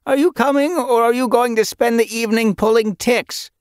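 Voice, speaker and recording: A wry older she-cat calls out and mutters half to herself with dry exasperation, as a man puts her on. The voice sits high, the recording close and dry. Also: wildly swooping pitch, moderate pace, creaky, warm tone, breathy edge, no room sound, heavily acted.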